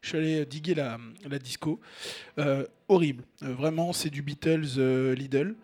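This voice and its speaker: A man's voice: a little high, steady tone, moderate pace, darkish tone. A man co-hosting a music show, chatting casually about records, hesitant with many fillers and blunt opinions. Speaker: radio show co-host presenting records.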